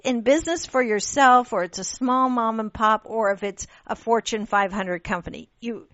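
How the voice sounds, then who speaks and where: A woman from Pakistan hosting a radio interview, telling stories in an animated way with frequent restarts. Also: on the high side, moderate pace, no room sound. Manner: animated storytelling with laughs and restarts. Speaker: radio show host. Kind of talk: casual interview chat. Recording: dull lo-fi radio audio.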